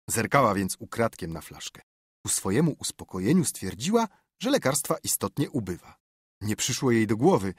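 Guy reading an audiobook, husky, really lively delivery, dry studio sound. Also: medium pitch, no room sound. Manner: expressive storytelling. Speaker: audiobook reader. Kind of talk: scripted narration.

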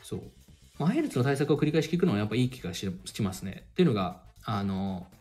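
Brisk, lively man giving study advice. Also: mid-range voice, soft background music. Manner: explains step by step with many fillers. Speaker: podcast host and language mentor. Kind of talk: casual advice chat.

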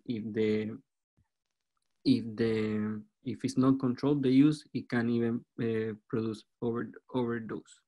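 A man in his twenties with a Puerto Rican accent, giving an academic presentation as a student researcher in a halting way, repeating words. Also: medium pitch, dark tone. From Puerto Rico. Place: online video call.

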